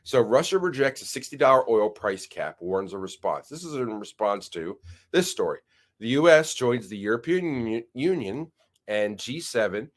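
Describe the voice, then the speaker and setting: A man with a mid-range, very animated voice hosts his own channel, casually talking through the news while sharing his screen. A head cold makes him a little nasal, and he rambles, often stopping and restarting his sentences.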